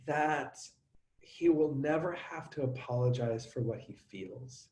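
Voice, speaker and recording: A middle-aged man talking openly as an interview guest, animated and halting, often restarting and acting out sounds. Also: mid-range voice, reverberant, a little hiss or hum. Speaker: actor and coach, interview guest. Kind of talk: emotional conversational interview.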